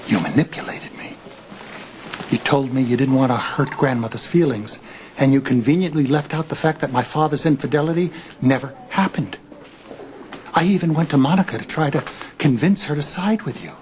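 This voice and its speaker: A man's voice: mid-range voice, moderate pace, a little mellow, a little hiss or hum, close to an everyday voice. An actor playing a stern middle-aged father who lectures his grown daughter in a soap opera. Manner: stern, scolding.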